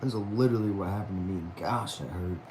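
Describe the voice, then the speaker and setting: A man of about twenty hangs out on a livestream at home, reading viewer messages aloud in a laid-back, talkative way and dropping "y'all" and "man." His voice is lowish and fairly quick, with a noisy background.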